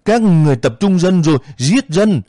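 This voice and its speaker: A village mother wails in despair, her voice pushed high and strained, as a male reader puts her on. It sounds like a storybook reading recorded close in a dead, dry space. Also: lively intonation, normal speed, mellow, no echo. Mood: wailing grief.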